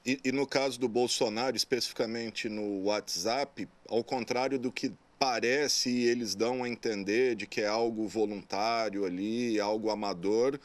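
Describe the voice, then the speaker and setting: A man's voice: medium pitch, steady tone, normal speed, hardly any pauses. Brazilian male TV interviewer asking questions. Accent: São Paulo interior Brazilian Portuguese. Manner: conversational, hesitant restarts.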